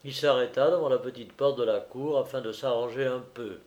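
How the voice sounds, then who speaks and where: A man narrating a literary story in a calm, measured way. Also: mid-range voice, lo-fi sound. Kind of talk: audiobook reading.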